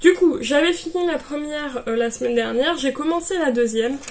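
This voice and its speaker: A woman's voice: high-pitched, normal speed, a little mellow. A woman chatting casually in a knitting vlog, talking to viewers with many fillers and restarts. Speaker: knitting vlogger.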